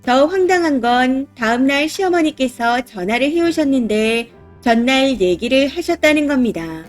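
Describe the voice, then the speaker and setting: Woman, high voice, story reader, first-person narration, faint background music. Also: expressive, moderate pace.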